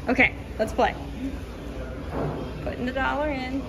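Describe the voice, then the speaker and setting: This time the young woman's high voice is steady and she takes it slowly, with background noise around her. Still a bubbly, chatty vlogger gushing over shops and places, she films her travels on a handheld phone in a beach town, outdoors and in stores, and later from a car.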